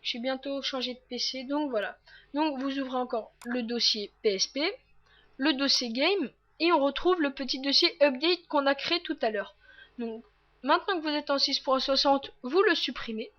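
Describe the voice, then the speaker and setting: A woman with a high voice hosting a laid-back tech tutorial. She walks viewers through every click in a chatty, unpolished way, full of "euh"s and quick apologies as she corrects herself. The sound is a little dull, like a cheap computer mic. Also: a bit bright. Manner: chatty, many fillers and quick self-corrections. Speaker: tutorial host. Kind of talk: casual screen-recorded tech tutorial.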